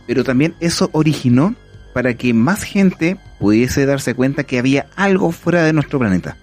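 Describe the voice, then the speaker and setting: A man's voice: medium pitch, animated, moderate pace, a little mellow, faint music behind. Chatty Chilean man podcasting. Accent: Chilean Spanish. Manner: enthusiastic, rambling storyteller. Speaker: podcast host. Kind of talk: casual podcast chat.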